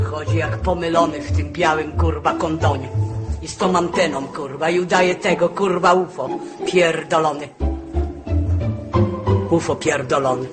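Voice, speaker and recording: A woman pours out a nonstop, profanity-laced rant as if confessing straight to the camera. Her voice sits low for a woman. Music plays underneath the recording. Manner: ranting, swearing constantly.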